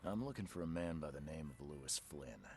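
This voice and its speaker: A man voicing a reserved, skeptical investigator in a video game, measured and matter-of-fact. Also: a bass voice, expressive, darkish tone, a little hiss or hum. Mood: pressing, matter-of-fact. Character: reserved, skeptical male investigator, a newcomer in town. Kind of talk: video game character acting.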